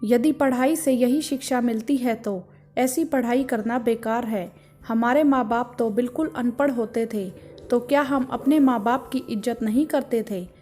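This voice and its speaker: A woman's voice: on the high side, a little slow, mellow, faint music behind. A woman voicing a stern, caring middle-aged husband who scolds with indignation. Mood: indignant.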